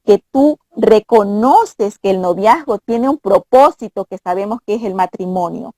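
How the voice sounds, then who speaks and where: A woman of middle pitch talks earnestly through Bible passages, as if teaching a friend across the table. The sound is dry and close, with no room around it. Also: animated, unhurried, a little mellow, no echo. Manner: earnest, quotes scripture, mimics voices.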